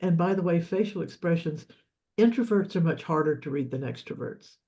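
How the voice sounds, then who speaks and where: A leadership coach with a slightly high, animated and a little mellow voice speaks briskly in a live session on leadership and communication. His explanations are loose and repetitive, with repeated words and frequent restarts.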